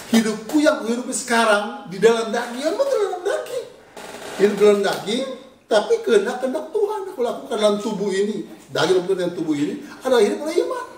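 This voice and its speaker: A man's voice: sits high, a little mellow. A man in his sixties with an Indonesian accent, preaching a sermon in an earnest, confessional way with self-deprecating laughs. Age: 60s. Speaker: pastor. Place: church hall. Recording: echoey hall, mic at a distance, faint noise.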